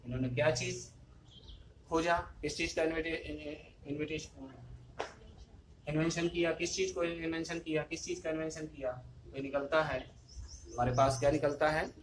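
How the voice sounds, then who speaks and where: A man teaches physics in a recorded lesson, with a slightly high voice. He goes over each point several times and asks questions that he answers himself. There is a faint hiss of noise behind him. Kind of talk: classroom lesson video.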